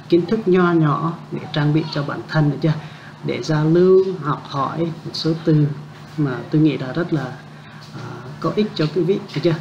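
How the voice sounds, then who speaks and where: A man teaching a casual language lesson. He patiently repeats words slowly and keeps checking that listeners understand. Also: on the high side, creaky. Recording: dull lo-fi with faint background noise.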